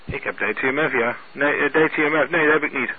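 A man running an amateur radio net, heard over a two-way radio link, speaking in a steady, methodical way and spelling out call signs. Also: on the high side, fast. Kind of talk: radio net check-ins. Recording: narrow tinny radio with faint hiss.

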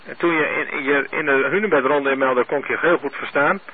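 A man running an amateur radio net, heard over a two-way radio link, speaking in a steady, methodical way and spelling out call signs. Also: mid-range voice, fairly quick. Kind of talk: radio net check-ins. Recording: narrow tinny radio with faint hiss.

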